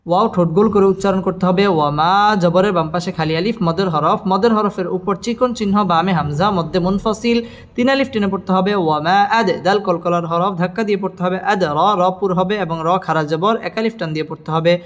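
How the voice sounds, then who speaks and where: A man teaching Quran recitation with tajweed, slowly and patiently spelling out each Arabic syllable with a Bangladeshi accent. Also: high-pitched. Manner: slow, patient drilling that repeats each syllable. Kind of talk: spelling out Arabic letter by letter, then melodic recitation. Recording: reverberant room with faint music.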